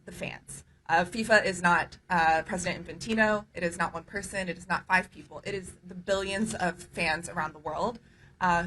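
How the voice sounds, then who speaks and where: A woman human rights advocate speaking at a press conference, earnest and hesitant with many pauses. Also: lowish voice, pushed and bright, slight background noise.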